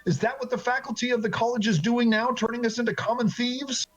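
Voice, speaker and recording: Man voicing an angry but restrained young male ex-student, indignant, high voice, dull lo-fi tabletop game. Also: very animated, measured pace, slightly rough, heavily acted. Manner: indignant, holding back anger.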